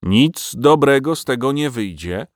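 A man's voice: medium pitch, lively intonation, unhurried, no echo, clean studio sound, pitched above the performer's own voice, close to an everyday voice. A man voicing a grim village blacksmith warning that nothing good will come of it. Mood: gloomy. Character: gloomy, doom-saying male village blacksmith.

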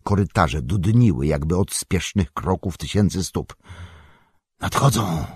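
Male narrator, low husky voice, measured dramatic storytelling. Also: lively intonation, darkish tone, no echo, studio quality. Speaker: audiobook narrator. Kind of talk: scripted narration.

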